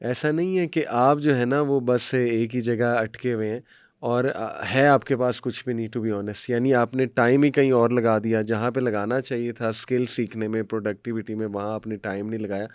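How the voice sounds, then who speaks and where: A man's voice: mid-range voice, steady tone, normal speed, clear, resonant tone, dry recording, studio quality. A man hosting a podcast, talking reflectively in a casual discussion and often slipping English phrases into his speech. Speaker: podcast host.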